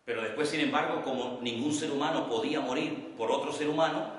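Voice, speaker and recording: A man from teaching a Bible study class as pastor, speaking slowly and repeating key terms so his students can note them down. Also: medium pitch. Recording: echoey hall, voice from far off the mic.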